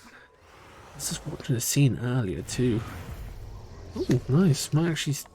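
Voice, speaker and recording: A man's voice: medium pitch, sing-song, measured pace, dark tone, a little hiss or hum. A man with a British accent that drifts between regions, chatting and thinking aloud while he streams a live speedrun. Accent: British, shifting between regions. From Britain. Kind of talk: live-stream gameplay commentary.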